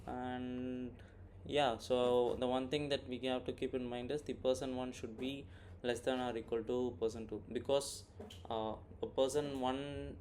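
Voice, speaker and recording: During a casual screen-recorded coding walkthrough, a man with a slightly mellow, mid-range voice reasons out loud and often checks in by saying "right?". The recording clearly picks up background noise and computer keyboard typing.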